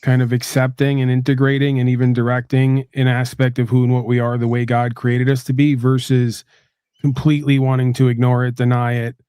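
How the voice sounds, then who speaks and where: A man's voice: medium pitch, level tone, fairly quick, mellow, clear, resonant tone, no room sound, clean studio sound. A man musing philosophically in casual discussion, often checking in with his listeners. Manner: reflective, often checks with "right?".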